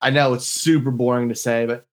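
A man of middle pitch co-hosts a casual sports podcast. He talks in an eager, slangy way, full of "dude" and "like". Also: little pitch movement, fairly quick. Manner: enthusiastic, slangy, says "dude" and "like". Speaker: podcast co-host.

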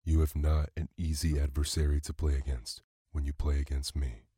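Voiced by a man, a polished gentleman villain speaks with cool, measured composure. The voice is very low and husky. It is recorded dry and close. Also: flat delivery, no echo, full character voice. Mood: threatening. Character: smooth, scheming gentleman villain.

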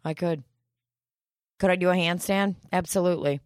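A woman co-hosting a podcast, teasing and wry, who laughs easily. Her voice sits fairly low for a woman. The sound is dry and close to the mic. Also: moderate pace, a little mellow, clean tone, no echo. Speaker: podcast co-host. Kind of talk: casual chat.

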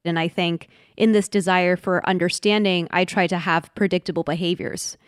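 A woman's voice: on the low side, steady tone, clear, resonant tone, dry recording, clean studio sound. A woman in her thirties from the United States, speaking as a podcast guest in a reflective, candid way. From Washington, D.C., United States. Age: 30s. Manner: thoughtful, candid, slows down on heavy points. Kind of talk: reflective interview conversation.

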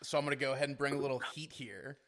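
A young man co-hosting a casual sports podcast, joking and chiming in quickly. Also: medium pitch, steady tone, fairly bright tone. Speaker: podcast co-host. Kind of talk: casual chat.

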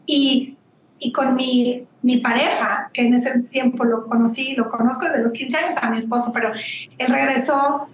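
A Mexican woman in her forties, a business founder being interviewed, telling her story in a chatty, animated way with tag questions and bits of English mixed in. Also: high voice, moderate pace. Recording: roomy room with faint background noise.

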